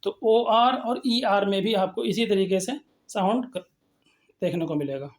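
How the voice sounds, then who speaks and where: A woman's voice: medium pitch, measured pace. A woman teaching phonetics in a recorded lesson, explaining patiently and repeating example words. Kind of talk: recorded lecture with slides.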